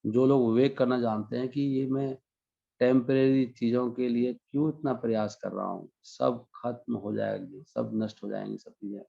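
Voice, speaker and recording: A man with a gravelly, fry-laden voice gives a spiritual discourse, explaining scripture and drawing out Sanskrit verses. The recording sounds dull and lo-fi. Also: mid-range voice, steady tone, normal speed. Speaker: spiritual teacher. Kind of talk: devotional discourse.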